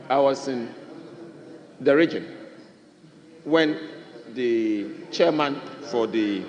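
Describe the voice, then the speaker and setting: A man with a Ghanaian accent giving an insistent parliamentary debate speech as a member. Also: mid-range voice. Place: large parliament chamber. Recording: echoing chamber with long reverb.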